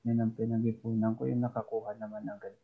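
A man's voice: on the low side, little pitch movement, fast, creaky, phone-quality sound. A man from the Philippines, an overseas worker, chatting casually on a podcast and chuckling as he talks. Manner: chatty, chuckles while talking.

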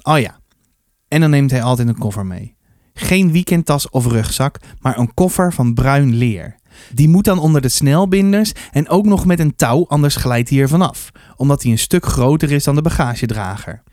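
A man's voice: medium pitch, normal speed, no echo. Dry-sounding man reading a children's book. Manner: lively first-person storytelling. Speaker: storybook reader.

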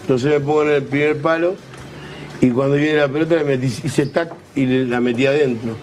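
A man with a Rioplatense accent telling football stories, lively and mimicking the people he quotes. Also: medium pitch, brisk, slight background noise. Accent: Rioplatense Spanish. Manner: lively, plays the other people in his stories. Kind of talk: storytelling in an interview.

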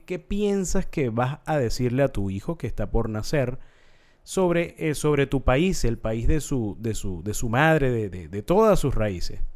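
A man hosts a radio interview. He asks friendly, measured questions at a middle pitch. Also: darkish tone. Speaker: radio host.

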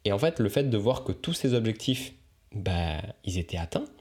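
A man's voice: on the low side, sing-song, moderate pace, darkish tone. A young man, a coach, musing aloud in a casual podcast monologue, rambling and reflective with many fillers and restarts.

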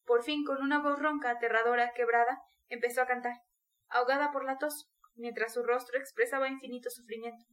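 A woman narrating a classic novel aloud in a measured, even storytelling voice. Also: a little high. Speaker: audiobook narrator. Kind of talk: scripted literary narration.

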